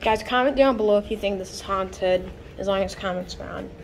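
A female vlogger talking to viewers in a nervous, hushed night-time manner while exploring indoors on a handheld camera. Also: mid-range voice, moderate pace, poor audio. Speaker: vlogger hosting a challenge video. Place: indoors in hotel hallways. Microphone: handheld phone camera, walking. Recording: handheld recording with background noise.

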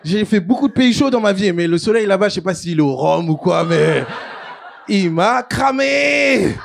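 A man in his thirties doing stand-up in a comedy club, animated, swinging between loud bursts and low asides. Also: quick pace, creaky, slight background noise. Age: 30s. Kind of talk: stand-up storytelling.

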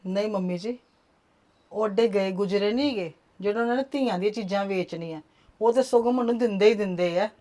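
Actress as a fearful, tearful young daughter-in-law, quiet and pleading, dry recording. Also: female voice, mid-range voice, brisk, dry recording, natural voice. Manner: pleading, fearful, soft and sad. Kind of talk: family drama acting.

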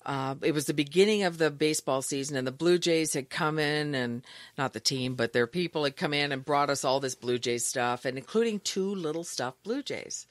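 Lowish-voiced woman telling funny radio stories. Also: moderate pace, no room sound. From Canada. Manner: animated storyteller, laughs often. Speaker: radio news anchor, guest. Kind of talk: casual interview storytelling.

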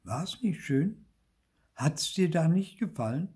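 A short-tempered peasant husband from a folk tale, voiced by an older storyteller, husky and raised in pitch. He scolds loudly and impatiently, and his lively voice leaps up and down. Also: takes it slowly, heavily acted. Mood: tender.

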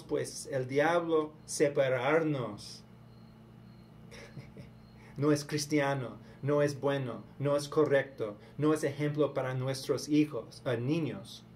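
A man from the United States giving a casual spoken sermon in a halting, preachy way, often repeating his words. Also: on the high side, slight background noise. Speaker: vlogger.

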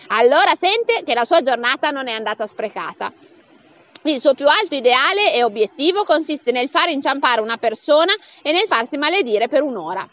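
A woman reading a comic novel aloud as an audiobook, bringing the dialogue to life with raised pitch. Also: fairly bright tone, highs cut off. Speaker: audiobook reader.

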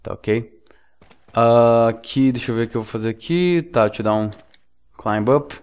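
Excitable man yelling over a game. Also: mid-range voice, moderate pace, clean tone. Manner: excitable, swears and yells at the boss. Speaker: gameplay commentator. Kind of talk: live let's-play commentary.

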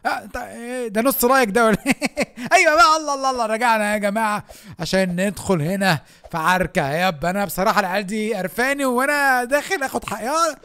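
A young man with an Egyptian Arabic accent giving excited gameplay commentary as a gaming YouTuber, often shouting and laughing. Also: sits high, quick pace, clear, resonant tone.

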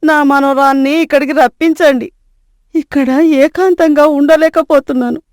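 A woman doing a high, pleading old grandmother. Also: steady tone, normal speed, darkish tone, dry recording, clean studio sound, natural voice. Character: poor old village grandmother, homesick and gentle. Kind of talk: storybook voice acting.

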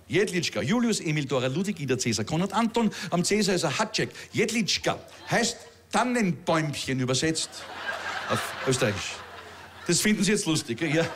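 A middle-aged man with a Viennese accent telling a stand-up story, chatty and self-mocking, with laughing asides. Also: fairly high pitch. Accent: Viennese Austrian German. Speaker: comedian.

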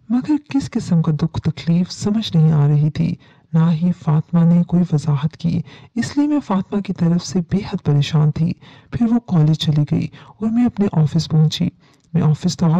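A woman narrating a first-person horror story as a storyteller, reading calmly and earnestly. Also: on the low side, no room sound. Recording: dull lo-fi dry recording.

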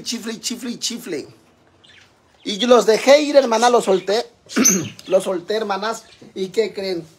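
A man chatting on a home livestream, campy and self-mocking, calling his viewers sisters. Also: sits high. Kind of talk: casual livestream chat. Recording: echoey room, faint background noise.

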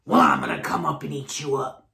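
A woman voicing a mean, ugly male troll who makes low, gruff threats in a children's story. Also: big pitch swings, fairly quick, bright, forceful tone, heavily acted. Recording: echoey room.

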